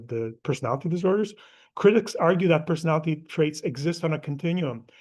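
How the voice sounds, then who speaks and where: A middle-aged man with a Portuguese accent lectures a class, his voice sitting a little higher than most men's. He talks loosely and conversationally, with frequent fillers and side remarks between his points. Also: darkish tone. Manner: casual, conversational, many fillers and asides.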